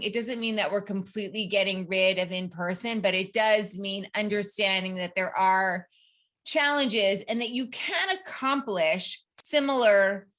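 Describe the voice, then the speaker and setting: A woman hosting a podcast over a video call, chatty and quick to laugh, often restarting her sentences. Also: mid-range voice, fairly bright tone. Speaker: podcast host. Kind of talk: casual chat.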